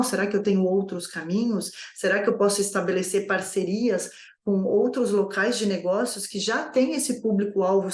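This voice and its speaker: In an online course lesson, a woman coaches new business owners conversationally, posing many rhetorical questions to herself. Her voice is medium in pitch, and the sound is roomy.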